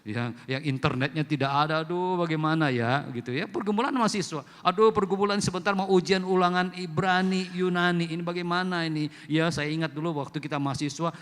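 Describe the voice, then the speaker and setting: A man's voice: on the high side, brisk, hardly any pauses. A man preaching a sermon as pastor, telling stories and acting out quoted voices. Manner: lively storytelling with voiced quotes. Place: church hall. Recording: long hall reverb.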